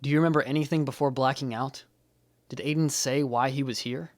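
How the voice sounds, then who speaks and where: A man's voice: medium pitch, fairly even intonation, fairly quick, lightly acted. A man playing a guilt-ridden young male Jedi who speaks earnestly and blames himself. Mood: worried. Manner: earnest, self-blaming, subdued.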